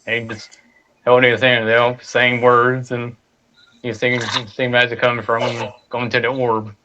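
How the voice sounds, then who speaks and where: A man's voice: medium pitch, level tone, normal speed, pushed and bright. A man narrating as game master of a tabletop game, often restarting his phrases. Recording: dull lo-fi sound with faint noise.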